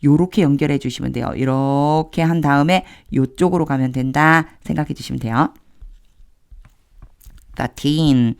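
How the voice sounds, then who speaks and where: A woman teaching an English Bible reading lesson phrase by phrase, patiently explaining grammar and reading each English line slowly and clearly. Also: sits low, darkish tone. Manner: conversational, uses casual pointing words while marking a text. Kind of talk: step-by-step phrase-by-phrase translation lesson.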